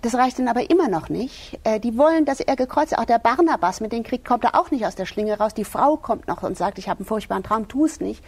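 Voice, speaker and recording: A woman's voice: a little high, lively intonation, fast talker, hardly any pauses, darkish tone. A woman speaking earnestly about faith in an interview, emphatic, retelling scripture and checking in with "ja?". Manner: emphatic, retells scripture with quoted voices, frequent "ja?". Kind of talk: earnest religious discussion.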